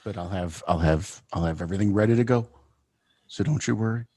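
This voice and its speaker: A man's voice: sits low, fairly quick, mellow, husky. A man co-hosting a casual podcast over a remote call, joking, laughing often and putting on mock voices. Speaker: podcast co-host. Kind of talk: casual banter. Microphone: headphones, remote call.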